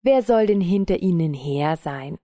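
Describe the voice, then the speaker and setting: A woman voicing a resolute kiosk owner in her fifties, firm, steady and controlled. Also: on the low side, measured pace, dry recording, clean studio sound. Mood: soothing.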